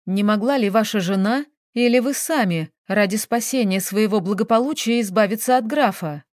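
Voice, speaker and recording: A woman reads a composed woman detective who questions people calmly and firmly, with a hint of irony. She sounds mid-pitched and even. The recording is dry and close. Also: normal speed, no room sound, lightly acted. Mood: probing. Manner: calm, firm, slightly ironic. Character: cool, composed female private detective.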